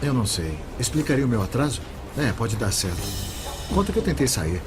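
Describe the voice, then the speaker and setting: An actor playing an anxious, hesitant husband who is a patient, with a Brazilian accent, in a dubbed documentary. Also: male voice, mid-range voice, very animated, a little fast, close to an everyday voice. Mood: worried. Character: anxious married male accident patient. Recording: music behind the voice.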